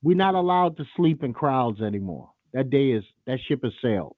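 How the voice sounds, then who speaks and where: A man's voice: mid-range voice, expressive, normal speed, dry recording. Guy hosting a call-in show, blunt and cussing, tinny dry phone-like sound. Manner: blunt, profane and opinionated. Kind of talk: casual call-in radio talk.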